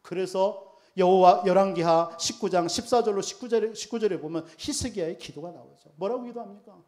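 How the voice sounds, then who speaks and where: High-pitched pastor guy preaching, keeps firing questions at the congregation. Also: fairly quick, darkish tone. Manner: emphatic, rhetorical questions to the congregation. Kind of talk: sermon.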